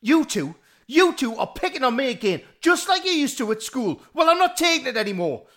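A man's voice: very high voice, very animated, brisk, bright, forceful tone. A man in his thirties, complaining and grumbling as a player in a tabletop game. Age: 30s.

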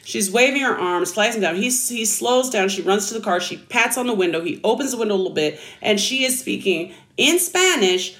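Animated woman recapping a film. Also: mid-range voice, brisk, few pauses. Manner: animated, profane, acts out scenes. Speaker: podcast co-host. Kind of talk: casual movie review chat.

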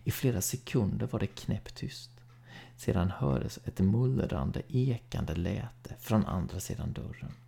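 A man with a gravelly, husky voice reading a horror short story aloud in a calm, measured way, dropping to a hush at times. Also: on the low side.

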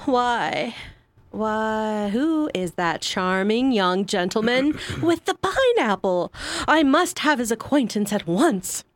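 A woman's voice: fairly high pitch, animated, no echo. A woman voicing a self-pitying, melodramatic society matriarch who wails and laments theatrically in a comic stage play. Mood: lamenting. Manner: theatrical wailing, drawn-out lament.

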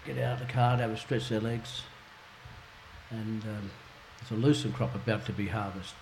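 An Australian man reading a passage from his own novel to a festival audience, in a measured, rhythmic way that grows forceful. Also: fairly low pitch, fairly even intonation, gravelly. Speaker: author reading at a literary festival. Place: festival talk venue. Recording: noisy live event recording.

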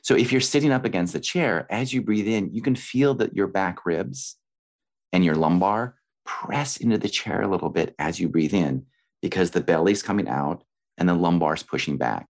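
A man with a low-pitched voice talks as a guest teacher of breathing and meditation. He explains things in an instructive, conversational way, leaning on everyday examples to make his points. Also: normal speed. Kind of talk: explanatory interview talk.

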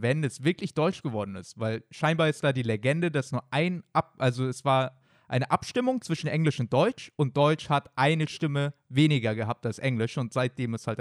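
A man in a casual chat, musing aloud in a relaxed way. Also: mid-range voice, dry recording, clean studio sound.

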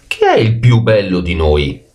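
A man voicing a proud male lion king who asks questions slowly and deliberately. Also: low-pitched, huge pitch swings, darkish tone, exaggerated voice. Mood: regal.

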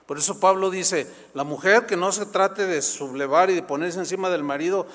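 A man preaches in a high, bright-pitched voice, lively and chatty, tossing off quick asides to the congregation. His words ring out with a long reverb from the church hall around him. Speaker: pastor. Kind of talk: sermon. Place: church sanctuary.

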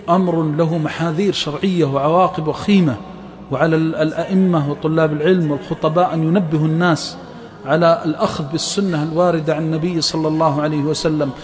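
A man preaching a religious sermon in a fervent, emphatic way. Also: a little high.

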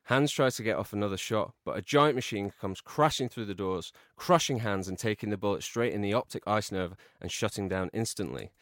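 Podcast guy reading out his silly movie pitch, deadpan, lowish voice, dry mic. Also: a little fast, hardly any pauses, no echo. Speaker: podcast co-host. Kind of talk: reading out a comic film pitch.

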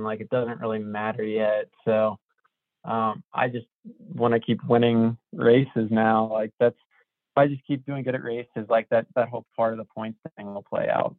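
A man calling in on a phone set to speaker, his voice muffled and hollow as if in a tunnel, chatting in a relaxed way with lots of fillers. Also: mid-range voice, dry recording. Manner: relaxed, laid-back, many fillers. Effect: muffled hollow speakerphone sound, like talking in a tunnel. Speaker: racer guest calling in. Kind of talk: casual chat over the phone. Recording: tinny dry phone line.

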